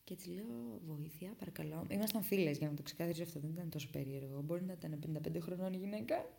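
Young woman from Greece, vlogger telling her own story; low, gravelly voice, dark tone, dramatic whisper-to-burst delivery. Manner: dramatic retelling that swings between hushed whispers and loud bursts. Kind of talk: casual storytelling.

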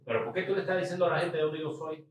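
A man's voice: fairly high pitch, fairly even intonation, rapid-fire. A man from Nicaragua working as camera operator, protesting in joking banter. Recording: echoey, from far off the mic.

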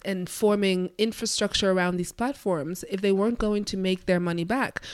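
Her voice sits fairly low, a little mellow, clear and resonant, though nasal and congested from a cold. As host of her solo podcast, she talks through ideas in a conversational, explanatory way, thinking aloud. The recording is dry and clean, studio quality.

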